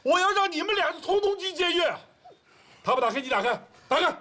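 An actor playing a blunt older village man, scolding loudly in a rural film drama. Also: very high voice, rapid-fire, full character voice. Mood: furious. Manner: scolding, loud. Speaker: elderly uncle. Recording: film soundtrack with loud music.

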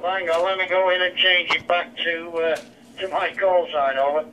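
Heard through the dull lo-fi speaker of a handheld radio, an amateur operator chats casually on the two-way. His high voice is steady, pushed, and bright at a moderate pace, with a little hiss or hum.

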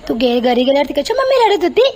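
A woman's voice: sits high, darkish tone. A woman home vlogger chatting casually in her kitchen and playfully scolding her pet.

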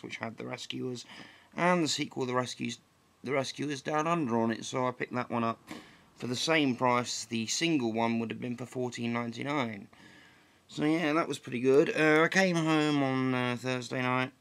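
A young Englishman, a bit croaky after the flu, rambles through a casual solo vlog update full of ums and restarts. He has a mid-range, fairly bright voice and is filmed on a close webcam in a dim living room.

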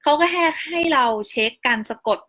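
A woman, a new mother, narrating a casual vlog voice-over in a chatty, polite way, calmly explaining practical details step by step. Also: fairly quick. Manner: chatty and polite, often ending phrases with soft polite particles. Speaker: new mother sharing her hospital stay.

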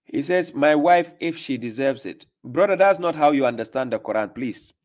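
A male livestream host runs a live call-in debate from a home desk setup in a small indoor room. His plain mid-range voice has lively intonation, a moderate pace and a darkish tone. He presses callers with questions and repeats himself, pushing hard.

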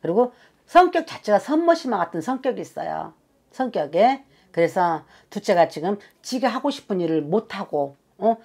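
A woman's voice: medium pitch, sing-song, normal speed, vocal fry, darkish tone, slightly rough. Emphatic scolding Korean fortune-teller woman. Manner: emphatic, scolding, ends phrases with a questioning "eh?". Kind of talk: fortune-telling reading for clients. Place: fortune-teller's consultation room.

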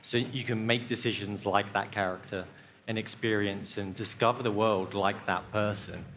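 A young man on a live event stage talks about his game in a measured, earnest way, with a few hesitations. His voice is somewhat low, and his headset mic carries faint ambience from the venue. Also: fairly even intonation, fairly bright tone, a little hiss or hum. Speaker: game developer panelist. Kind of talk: live stage panel discussion. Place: large indoor event stage.

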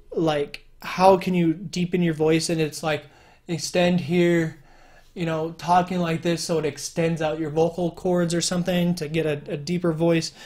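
Sitting in his room at home, a young YouTuber gives casual solo commentary to his webcam, full of fillers and restarts. His high-pitched male voice, a little mellow, often gets him mistaken for a woman on the phone.

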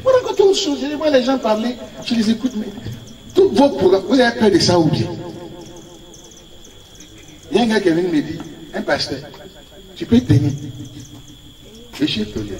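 Male preacher, high and very animated, storytelling sermon, echoey off-mic sound. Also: normal speed, long pauses, recorded from a distance, a little hiss or hum. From Ivory Coast. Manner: animated storytelling with laughs and acted quotes. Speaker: prophet preaching. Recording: echoey room, speaker off-mic.

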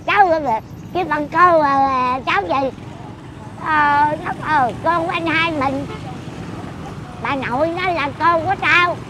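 A woman's voice: high-pitched, unhurried, long pauses, background noise. A woman in her eighties chatting casually outdoors, blunt and teasing as she scolds the person she talks with. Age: 80s. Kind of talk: casual chat.

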